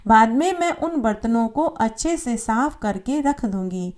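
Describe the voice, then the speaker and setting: A woman voicing a kind young daughter-in-law who speaks softly and politely. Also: on the high side, expressive, a little slow. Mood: gentle.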